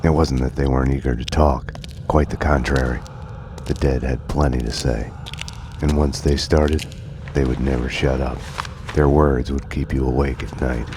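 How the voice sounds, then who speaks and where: A very deep male voice plays a brooding, world-weary middle-aged detective narrating his own downfall in noir monologue and game dialogue. He is terse, deadpan, grim, and fatalistic, speaking at normal speed against a noisy background with dramatic music underneath.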